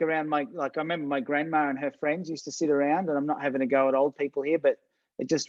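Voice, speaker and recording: A man's voice: a little high, a little mellow, dry recording, highs cut off. Chatty man coaching an online workshop. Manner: casual, chatty, repeats words, restarts sentences, addresses audience directly. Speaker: business coach running a workshop.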